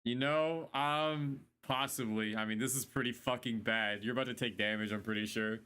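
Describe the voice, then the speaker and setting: Joking, sweary male tabletop player, mid pitch. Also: fairly even intonation, normal speed, sharp tone, smooth. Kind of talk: casual banter.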